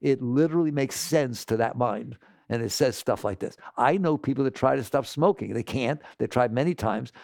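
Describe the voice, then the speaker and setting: Man, gravelly voice, slightly higher pitch, lecturing, rhetorical questions, dry sound. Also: normal speed, no echo. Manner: animated, scolding, rhetorical questions. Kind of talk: talk to an audience.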